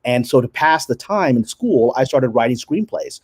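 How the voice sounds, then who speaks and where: A middle-aged man from Pakistan, raised in Brooklyn, telling his story as a guest on a casual video-call interview, animated and laughing often. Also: medium pitch, moderate pace, husky, dry recording. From Pakistan, raised in Brooklyn, New York. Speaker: guest, screenwriter and director. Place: home room, indoors. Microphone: video call webcam.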